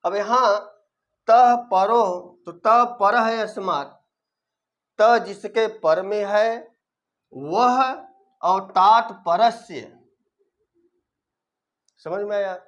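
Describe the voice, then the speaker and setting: A man's voice: high-pitched, drawn-out words, pauses often, fairly bright tone, muffled recording. A man teaching an online grammar lesson, reciting rules syllable by syllable and then explaining them with rhetorical questions.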